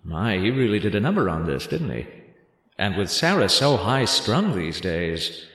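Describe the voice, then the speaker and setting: An actor playing a smooth, manipulative man who coaxes and hushes a child in an audio drama. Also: fairly low pitch, very animated, normal speed. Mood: coaxing, scheming. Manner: coaxing, hushing, questioning tags. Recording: roomy, echoing sound.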